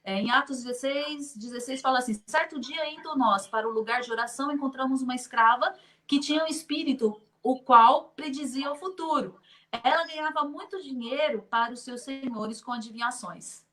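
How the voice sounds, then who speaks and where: A woman's voice: high voice, a little fast. A middle-aged woman from Brazil who teaches in children's ministry, giving an online conference talk and telling stories with acted-out dialogue and frequent laughter. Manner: lively storyteller, laughs often, acts out quoted dialogue.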